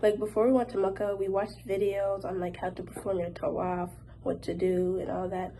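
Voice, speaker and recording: Still getting over a cold, a young female vlogger does a casual Q&A to camera, her voice slightly off and full of fillers such as "like." She speaks at a medium pitch and moderate pace with a level tone, and background noise is audible.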